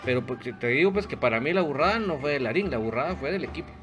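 A man's voice: a little high, animated, quick pace, a bit bright, faint music behind. A man co-hosting a casual sports podcast, giving blunt, critical opinions. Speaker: podcast co-host.

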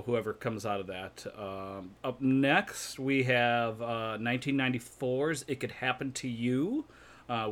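A man hosting a casual podcast chat, often restarting words and filling pauses with uh, laughing easily. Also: medium pitch, a bit bright. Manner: stammering restarts, frequent uh fillers, laughs easily. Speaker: podcast host.

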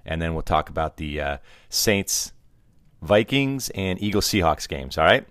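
A middle-aged man with a low voice co-hosts a casual sports podcast. He talks in an unscripted, teasing, bantering way. The recording is close and dry. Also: sing-song, unhurried, fairly bright tone, clear, resonant tone, no room sound. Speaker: podcast co-host, father of the other host. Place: home basement.

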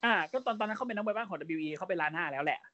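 A man in his thirties co-hosting a casual podcast chat, brash and animated, swearing freely and slipping in quick mock impressions. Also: sits high, muffled recording, crowd noise. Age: 30s. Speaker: podcast co-host.

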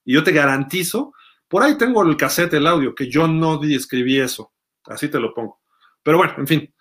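A middle-aged sports journalist with a Mexican accent talks through a story in an easy, rambling way, full of fillers and asides. His voice sits a little high for a man. It is a casual, conversational monologue. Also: lively intonation, brisk, fairly bright tone. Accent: Mexican Spanish. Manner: chatty storytelling with many fillers.

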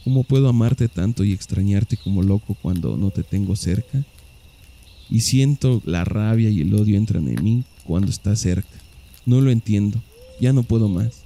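Guy doing a tormented husband, low dark voice, short bitter lines. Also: moderate pace, creaky. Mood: despairing. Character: tormented husband, angry and despairing.

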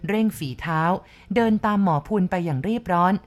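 A woman with a lowish voice narrates a ghost story, reading in measured, vivid phrases. Faint music plays underneath her reading. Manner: measured, vivid descriptive narration of a male first-person narrator.

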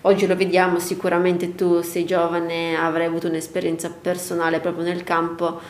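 A woman hosts an interview in a somewhat low voice. She speaks through a face mask, and the room adds a clear echo. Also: completely flat delivery, fairly quick. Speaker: host. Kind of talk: interview hosting. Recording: roomy, echoing indoor sound.

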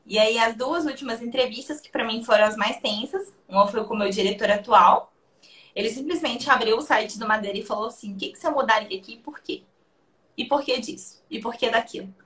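A young woman with a Brazilian accent tells a story in casual talk, slightly high in pitch. She laughs easily and slips into quoted dialogue as she goes. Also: brisk. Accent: Brazilian Portuguese. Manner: lively, laughs often, acts out quoted dialogue. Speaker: interview guest.

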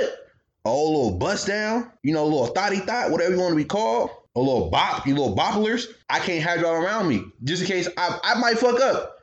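A young man hosts a casual podcast monologue, full of slang and acted-out voices. His pitch swings widely as he talks, and the recording comes across muffled and lo-fi. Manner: animated storytelling, slangy, acts out quoted voices. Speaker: podcast host.

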